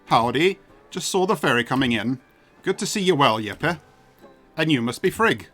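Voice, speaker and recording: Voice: mid-range voice, lively intonation, moderate pace, a bit bright, faint music behind. A streamer doing a friendly Nordic-accented islander. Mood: welcoming. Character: friendly island man welcoming a newcomer.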